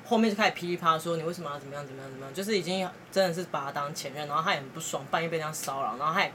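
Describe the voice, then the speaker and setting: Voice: mid-range voice, rapid-fire, sharp tone, a little hiss or hum. A podcast host, chatty and laughing now and then while telling a story in a casual way.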